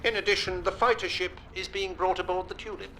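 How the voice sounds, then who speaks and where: An actor playing a calm, formal male ship's computer AI, too smooth, reporting in a precise, matter-of-fact way. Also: high-pitched, brisk. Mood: detached. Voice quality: smooth, even, clinical. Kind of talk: sci-fi TV drama acting. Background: music score.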